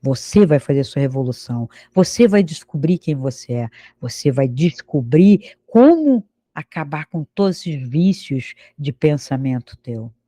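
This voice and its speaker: A man's voice: fairly high pitch, sing-song, measured pace, few pauses, dark tone, dry recording. A man with a Brazilian accent giving a spiritual lecture, firing rhetorical questions at his listeners and acting out the excuses of imagined people. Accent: Brazilian Portuguese. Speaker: spiritual teacher.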